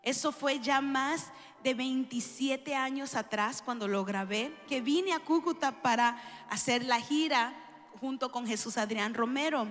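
A middle-aged woman with a high, bright speaking voice shares her testimony from the stage of a large church. She talks warmly and directly to the crowd, drawing them in with questions. Her voice rings through an echoey hall, with soft music playing behind her. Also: measured pace. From New York. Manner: warm, engaging, questions the audience. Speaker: worship singer.

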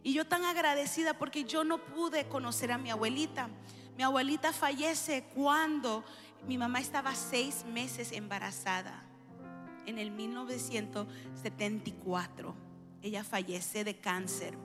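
A middle-aged worship singer from New York shares her testimony with a church audience, speaking a little slowly in a high-leaning voice. Warm and engaging, she often questions the crowd, in an echoey hall with soft music behind her.

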